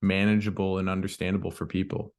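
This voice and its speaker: A man with a fairly low voice hosts a relaxed podcast conversation. He asks loose, rambling questions and keeps nudging his guest along with friendly yeahs and mm-hmms. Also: fast talker. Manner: friendly, affirming, frequent "yeah" and backchannels. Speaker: podcast host. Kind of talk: casual interview questions.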